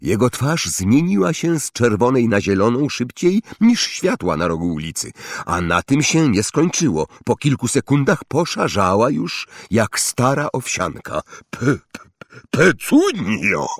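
A man reading a novel aloud as an expressive audiobook narrator, with a dramatic, animated delivery. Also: medium pitch, unhurried, dry recording, clean studio sound.

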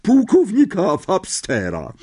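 A man voicing a loud, bossy, bullying middle-aged aunt with a barking, scolding manner. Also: sits high, wildly swooping pitch, slow, husky, pitched above the performer's own voice, heavily acted.

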